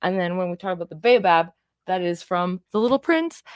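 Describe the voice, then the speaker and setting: A woman's voice: fairly low pitch, animated, a little fast, smooth, no room sound, studio quality. A woman hosting a live auction, chatting casually in an effusive, exclamatory way. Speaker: auction host.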